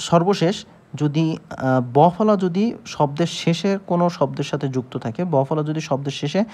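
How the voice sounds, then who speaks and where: A man teaching a grammar lesson, explaining slowly with many pauses and fillers. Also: a little high, darkish tone.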